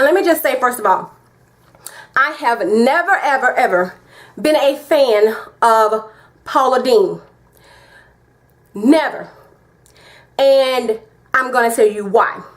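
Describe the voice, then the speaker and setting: In a casual vlog, a woman with a Southern American accent and a slightly high voice speaks straight to her viewers. She gives her opinion emphatically and repeats herself.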